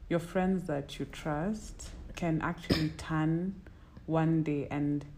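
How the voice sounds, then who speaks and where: A woman's voice: deep voice, steady tone, slow, mellow, slight background noise. A woman with a Kenyan accent in casual, reflective conversation, searching for her words and sometimes mixing in Swahili. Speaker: podcast co-host or guest.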